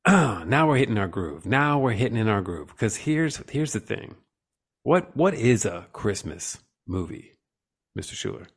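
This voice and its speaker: A man's voice: fairly low pitch, big pitch swings, measured pace, slightly rough. A man hosting a casual comedy podcast, riffing in a playful, profane and theatrical way. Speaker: podcast host. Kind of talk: casual comic chat.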